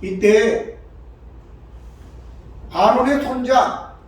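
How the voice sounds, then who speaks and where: A male pastor delivers a sermon in a strikingly high voice, heard from well back in a very echoey church hall. He shifts between quiet explanation and loud, acted-out lines. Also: drawn-out words, recorded from a distance. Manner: acts out quoted voices with sudden shouts. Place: church sanctuary.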